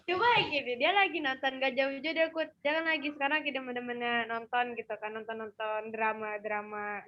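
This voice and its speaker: Bright high-voiced woman, muffled sound. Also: a little fast. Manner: lively, laughing, slangy. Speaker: interviewee, athlete. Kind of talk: casual chat.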